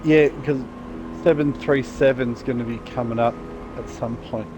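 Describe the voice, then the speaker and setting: A man's voice: mid-range voice, steady tone, moderate pace, background noise. A man talking casually to his racing team in short, clipped phrases, like a driver mid-race.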